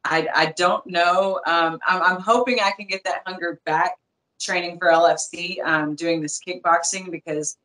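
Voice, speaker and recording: A woman's voice: lowish voice, steady tone, normal speed, fairly bright tone, rough recording. A woman in her thirties with a light Southern US accent, a former boxer chatting as a guest, rambling with lots of fillers and restarts. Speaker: guest, former boxing champion. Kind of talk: casual interview chat.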